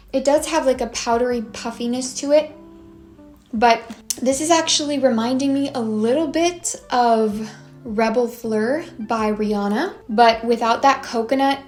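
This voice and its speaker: A woman's voice: fairly high pitch, a little mellow, echoey room. Bubbly woman gushing in a haul vlog. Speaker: beauty vlogger. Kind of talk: casual chatty haul vlog.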